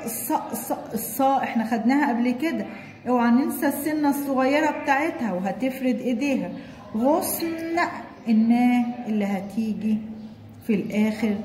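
A kindergarten teacher with an Egyptian accent, her voice somewhat high and warm, patiently stretching out letter sounds for young learners. The recording rings with a long, hall-like reverb and a faint hiss of background noise. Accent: Egyptian Arabic. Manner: sounds out letters and syllables slowly and clearly, coaxing the child along. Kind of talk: recorded lesson for young children.

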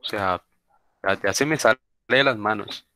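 A man's voice: on the low side, moderate pace, bright, forceful tone, no echo. A man teaching an online English class, speaking informally and insistently and repeating his points. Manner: informal, calls students "papá", insistent repeating. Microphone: video call.

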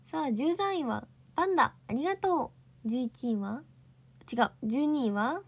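Young female idol streamer, high husky voice, chatty, answers viewer comments. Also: expressive, unhurried. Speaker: idol livestream host. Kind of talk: casual livestream chat reading comments.

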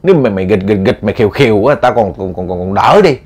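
A man's voice: lowish voice, lively intonation, fast, a little mellow, breathy edge. A man voicing a scolding sick old mother. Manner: blunt scolding, rambling.

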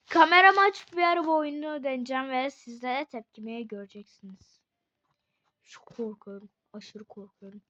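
Young woman, gameplay commentary, excitable, swears a lot, slow drawl, dull lo-fi recording. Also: high-pitched. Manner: excitable, swears and shrieks at the game. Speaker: gaming video creator. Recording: dull lo-fi sound.

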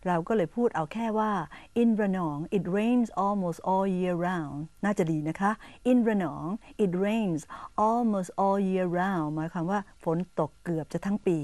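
Woman teacher on a learning show, patient, says each word slow n clear, dry close sound. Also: mid-range voice, darkish tone, no room sound. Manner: patient, repeats words slowly and clearly. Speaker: English teacher and host. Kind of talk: explaining English words to Thai viewers.

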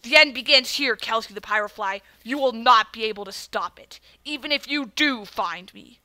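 A woman's voice: fairly high pitch, moderate pace, bright, forceful tone, no echo. A woman reading as a sneering assassin villain. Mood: taunting.

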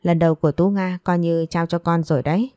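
A woman voicing a stern, scheming older mother in a romance story, speaking in a sharp, scolding way. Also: fairly low pitch, steady tone, fast, no room sound, clean studio sound, close to an everyday voice.

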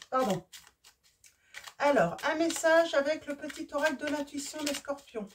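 A woman with a hoarse voice reading tarot cards for her viewers, casual and hesitant, often stopping to search for words. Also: high voice, lively intonation, unhurried, recorded from a distance, slight background noise. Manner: hesitant, many fillers and restarts. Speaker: tarot reader. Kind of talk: casual card-reading video.

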